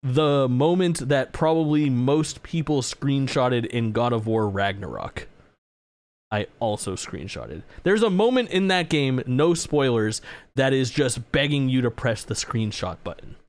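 This gaming podcast co-host, a guy in his 20s, has a mid-range voice with big pitch swings and a slightly slow pace. The chat is relaxed, full of cursing and quick laughter.

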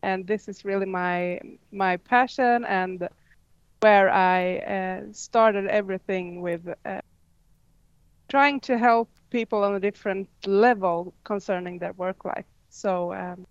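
A woman's voice: medium pitch, fairly even intonation, slow, smooth, no room sound, lo-fi sound. A woman moderating a panel discussion, friendly and slightly hesitant.

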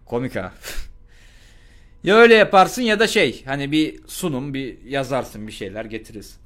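A young man telling a school story to his live chat in a casual, profane, animated way, and acting out the people in it. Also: medium pitch, normal speed. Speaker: live streamer.

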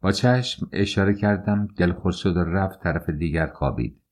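A man narrating an audiobook in the first person, calm and measured. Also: low-pitched.

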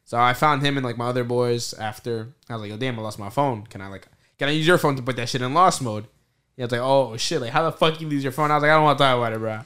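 A young man with a bright, forceful voice talks like a frat bro. He tells an animated story in loose, casual slang, swearing freely and addressing his friends as bro. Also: medium pitch, fast. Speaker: podcast host. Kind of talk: casual chat, animated anecdote.

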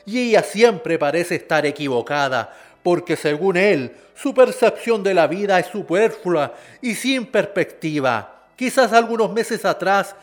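A man giving measured, somber narration for a radio drama. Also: sits high, expressive. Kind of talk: scripted narration.

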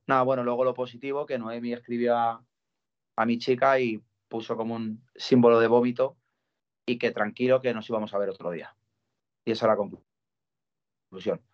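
Man telling a lively story. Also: medium pitch. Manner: animated storyteller, quotes others in dialogue. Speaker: football fan telling a story. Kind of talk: casual radio-style talk. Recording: dull lo-fi sound.

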